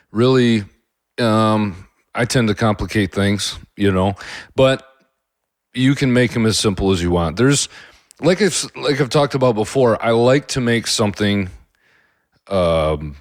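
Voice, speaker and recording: A man talks alone into a close mic, hosting his own cooking podcast. His voice sits a little low and he rambles easily, stopping and restarting with many fillers. The sound is dry and close, with no room around it. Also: dry recording. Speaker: podcast host. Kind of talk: casual solo podcast talk.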